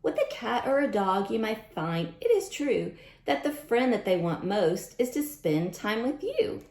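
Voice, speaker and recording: Her voice is on the high side yet darkish, very animated and unhurried, as she reads to young children in a sing-song fashion. She repeats lines and asks frequent questions, and the room gives the recording a noticeable echo.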